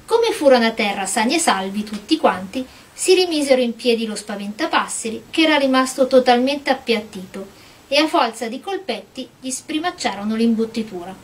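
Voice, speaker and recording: A woman reading a storybook aloud in a calm, steady narrating manner. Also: fairly high pitch, brisk. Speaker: reader.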